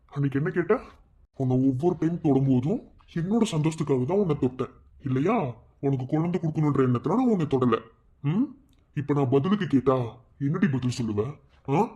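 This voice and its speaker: A man voicing a bitter, vengeful father in a cartoon, taunting and shouting at his wife. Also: fairly high pitch, lively intonation, a little fast, long pauses, natural voice. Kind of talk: fan cartoon voice acting.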